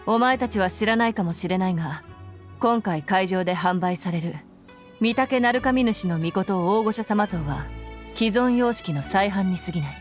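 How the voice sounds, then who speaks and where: Faint music plays behind a woman doing Japanese video game voice work, her mid-range voice fast and only lightly acted. Her character, a stern, dutiful military commander, comes across as formal, clipped and earnest.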